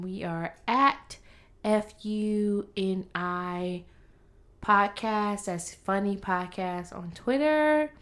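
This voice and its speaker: Tired, slow-talking woman podcaster. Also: medium pitch. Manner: quiet, fading delivery, swears casually. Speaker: podcast co-host. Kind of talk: casual chat.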